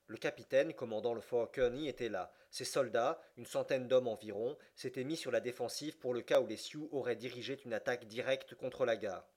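A man narrating an audiobook of a classic novel, slowing down for the dramatic passages. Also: medium pitch.

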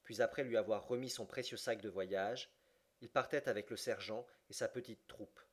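A man narrates a classic adventure novel in an audiobook. He reads steadily and slows down for the dramatic passages. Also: fairly low pitch, steady tone.

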